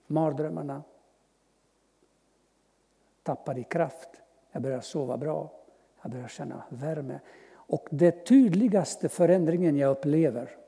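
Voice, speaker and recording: A man giving an earnest personal testimony as a preacher, speaking slowly with long pauses and sudden soft drops. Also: a little high, gravelly, slightly rough. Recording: long hall reverb.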